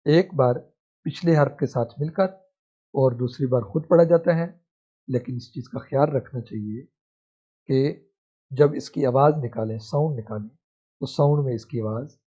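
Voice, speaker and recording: In a muffled, lo-fi recording, a man teaches Quran reading, spelling out syllables one at a time before blending them. His mid-range voice has a dark, husky tone.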